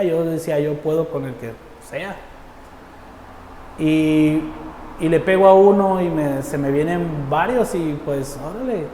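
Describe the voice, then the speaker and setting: A man's voice: on the high side, a little mellow. A man with a northern Mexican accent gives a personal conversion testimony, telling his story earnestly and acting out the dialogue. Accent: northern Mexican Spanish. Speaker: testimony speaker. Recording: roomy hall reverb with faint background noise.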